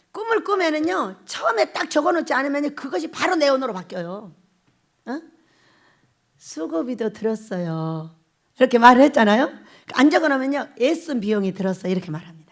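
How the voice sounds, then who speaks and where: A woman pastor delivers a Sunday sermon in a very high voice whose pitch leaps up and down with energy. She laughs often and fires rhetorical questions at the congregation. Her loud outbursts drop suddenly into soft murmurs. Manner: animated preaching with frequent laughter and rhetorical questions; swings from loud exclamations to low murmurs. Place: prayer retreat sanctuary.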